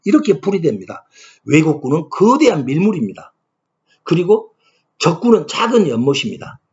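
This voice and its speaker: A man's voice: fairly high pitch, big pitch swings, moderate pace, a little mellow. A man giving a lecture who asks himself questions and answers them with emphasis. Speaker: lecturer on ancient Korean poetry. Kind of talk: classroom-style lecture. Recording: dull lo-fi recording.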